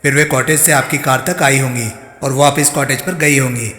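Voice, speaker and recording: A stern, persistent police inspector, read by a man, pressing each question firmly. The tone is bright and forceful, with a long reverberant tail around it. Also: mid-range voice, steady tone, moderate pace, natural voice. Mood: probing. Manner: firm, pointed questioning.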